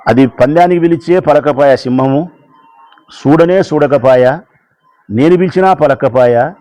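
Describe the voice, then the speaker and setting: A man telling a fable slowly and dramatically, with much repetition. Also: on the high side, darkish tone, poor audio. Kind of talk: storytelling speech.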